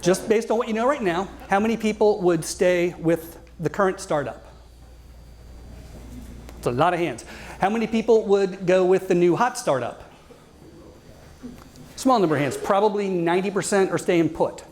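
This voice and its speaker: Man, fifties, slightly high voice, wry, conversational, live storytelling talk, asks the audience questions. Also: animated, moderate pace, long pauses, darkish tone. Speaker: guest speaker.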